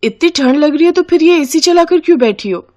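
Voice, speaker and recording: Brief: woman playing a young bride, high and exasperated, comic short. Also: animated, a little fast, dark tone, dry recording. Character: young new bride, shivering and fed-up.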